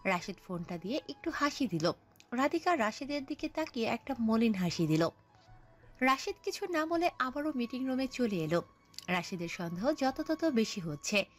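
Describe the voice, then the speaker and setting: A woman narrating a scripted audio story, telling it in an expressive storytelling manner. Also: a little high, normal speed, faint music behind.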